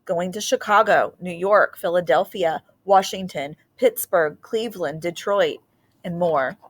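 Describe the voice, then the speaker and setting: A woman storyteller with a voice on the low side reads a picture book aloud expressively. She speaks in short, deliberate phrases, with dramatic pauses and the occasional aside.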